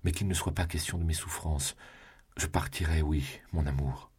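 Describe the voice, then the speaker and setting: Man reading an ardent young lover, hushed and tender. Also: a bass voice, fairly even intonation, normal speed, husky, heavily acted. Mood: tender earnest.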